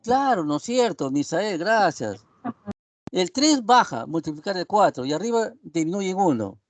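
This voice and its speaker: Calling his students "estimados alumnos", a male professor rambles through an online class on a video call, relying heavily on tag questions. His voice is high-pitched and very animated at a moderate pace, with no room sound.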